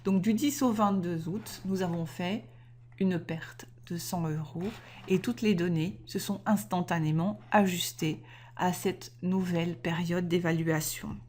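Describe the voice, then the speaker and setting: Woman, lower register, instructor voice-over for a software tutorial, methodical and clear. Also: fairly even intonation, a little slow, a little hiss or hum. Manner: clear, methodical explaining with small self-corrections. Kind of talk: screen-recorded software tutorial.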